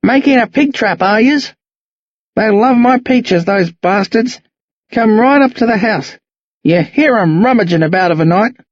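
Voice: medium pitch, expressive, measured pace, no room sound, lo-fi sound, voice pushed up. A reader voicing a friendly, chatty older country man with a broad, slangy drawl. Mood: easygoing.

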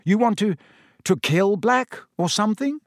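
Guy doing a blunt excitable teen boy for an audiobook, emphatic, pitched up. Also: moderate pace, dry recording, clean studio sound. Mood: tense. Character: blunt, excitable teenage schoolboy, loyal friend. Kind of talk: audiobook character voice.

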